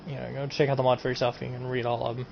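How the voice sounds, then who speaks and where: This gaming streamer races through a casual mod showcase in a flat, medium-pitched voice with vocal fry, rambling, repeating himself and trailing off with "and everything." The dull lo-fi home mic picks up faint noise.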